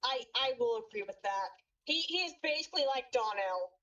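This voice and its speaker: High-pitched blunt woman on a dull mic. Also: lively intonation, normal speed, sharp tone, slight background noise. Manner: opinionated, blunt, swears freely. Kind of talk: casual gaming chat.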